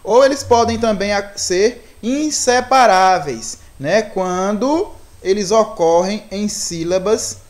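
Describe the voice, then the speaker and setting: A woman's voice: mid-range voice, slow pace, darkish tone. A woman with a Brazilian accent teaching a Portuguese grammar lesson, explaining step by step and often checking in with her students. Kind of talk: recorded online lesson.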